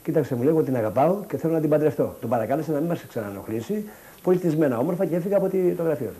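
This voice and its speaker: A family member recounting events in an agitated way, quoting what others said. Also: male voice, a little high, lively intonation, dark tone.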